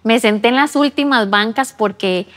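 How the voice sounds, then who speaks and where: In a church interview, a woman from Costa Rica earnestly tells her personal faith testimony, voicing again the things she once said. Her pitch is fairly high and her tone fairly bright, at a normal speed. Long reverb from a large room fills the recording.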